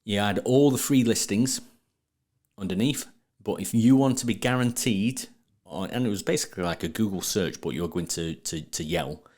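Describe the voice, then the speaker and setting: Low-voiced Sheffield man. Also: moderate pace, darkish tone. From Sheffield, England. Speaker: podcast guest, trade business marketing speaker. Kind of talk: casual interview talk.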